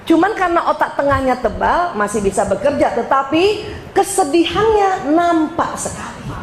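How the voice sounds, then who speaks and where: A middle-aged woman giving a lively, joking talk to a women's study group, often addressing the listeners as "Bu". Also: sits high, moderate pace, a little hiss or hum. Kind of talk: lively talk with slides to an audience. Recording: echoey hall.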